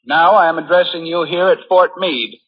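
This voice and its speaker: An American man with a husky voice on the high side speaks in a steady tone at a moderate pace. As a war correspondent in a 1940s radio address, he delivers an earnest, formal prepared speech, heard through a muffled, lo-fi recording.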